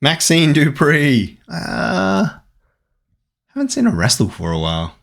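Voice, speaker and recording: An Australian man chatting casually while opening trading card packs, rambling and getting excited at good pulls. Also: medium pitch, a little slow, creaky. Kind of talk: casual unboxing commentary.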